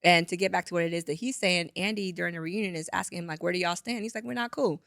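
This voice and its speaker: A woman's voice: lowish voice, very fast, dry recording, clean studio sound. A woman co-hosting a podcast, talking through reality TV drama in a casual chat and acting out what others said. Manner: animated, acts out quotes of others. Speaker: podcast co-host.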